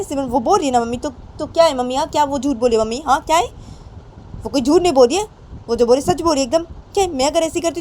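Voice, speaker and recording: A woman's voice: high-pitched, mellow, slight background noise. A woman voicing a young woman who insistently defends her partner to her mother. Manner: insistent, protesting.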